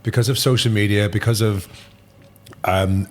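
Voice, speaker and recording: A man with a Northern Irish accent, a podcast guest telling stories in casual chat, animated, swearing freely and laughing often. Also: on the low side, normal speed. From Northern Ireland.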